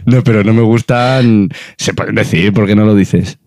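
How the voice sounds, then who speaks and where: Blunt low-voiced man on dry mic. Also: steady tone, normal speed, a little mellow, no room sound. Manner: blunt, frank opinions. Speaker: podcast co-host. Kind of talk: casual chat.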